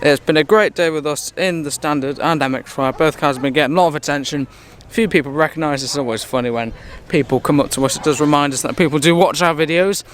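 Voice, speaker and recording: A man's voice: on the high side, fast talker, hardly any pauses, a little hiss or hum. An English man giving casual, enthusiastic walkaround commentary at an outdoor car show, chatty and a little rambling, recorded on a handheld camera mic.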